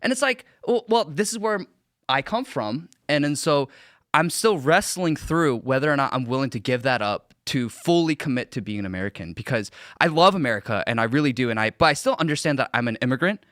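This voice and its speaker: A young man from South Korea talks in a bright, forceful voice, reflective and earnest as he thinks aloud. He is a show host in a casual panel discussion, recorded dry and close. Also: medium pitch, lively intonation, fairly quick, no room sound.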